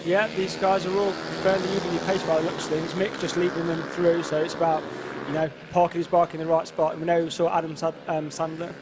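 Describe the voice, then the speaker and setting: A man's voice: a little high, level tone, a little fast. A man giving conversational motorsport commentary as the analyst, often restarting and repeating his words. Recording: noisy outdoor trackside sound. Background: vehicle and outdoor track noise.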